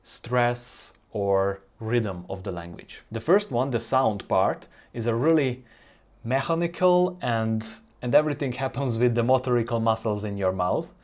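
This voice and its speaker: A Hungarian native with a Hungarian accent teaches a language informally, groping for words in halting bits. He comes from Hungary, and his mid-range voice has a darkish tone.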